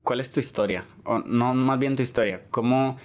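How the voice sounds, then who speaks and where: A man's voice: mid-range voice, normal speed, slight background noise. A young man hosting a podcast in casual chat, talkative and full of tag questions. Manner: chatty, repeats himself, lots of "¿verdad?". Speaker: podcast host.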